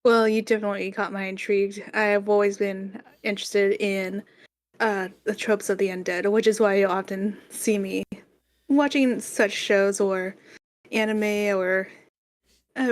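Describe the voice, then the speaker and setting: A woman voicing a poised female TV show host with a gruff voice and polite, measured manner, in a tabletop game. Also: medium pitch, close to an everyday voice.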